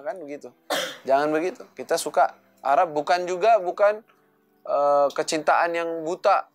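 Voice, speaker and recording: A man giving a conversational religious lesson, asking and answering his own rhetorical questions. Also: a little high. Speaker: religious teacher. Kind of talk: sermon.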